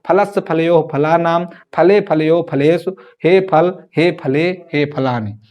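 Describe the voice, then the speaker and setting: A male teacher giving an exam-prep lesson, slowly chanting word forms in a sing-song way and explaining them with chatty repetition. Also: on the high side, darkish tone.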